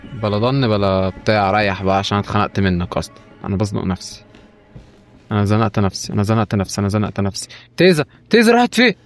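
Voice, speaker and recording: A man's voice: fairly low pitch, fairly even intonation, faint music behind. A young man with an Egyptian Arabic accent doing jokey, often panicked horror game commentary. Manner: jokey, rapid-fire, often panicked and pleading. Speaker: gaming YouTuber.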